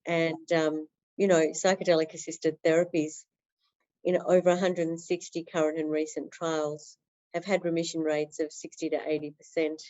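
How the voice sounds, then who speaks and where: A woman's voice: sits low, little pitch movement, normal speed, a little mellow, muffled recording. A woman talking earnestly as a podcast guest in a flowing interview, with many fillers. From Australia. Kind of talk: interview conversation.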